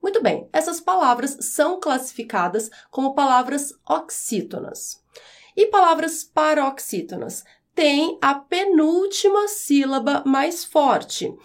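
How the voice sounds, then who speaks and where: A woman with a high voice gives a podcast language lesson. She explains patiently and spells out syllables one at a time. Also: animated. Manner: slow, clear, syllable-by-syllable explanations. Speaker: Portuguese teacher.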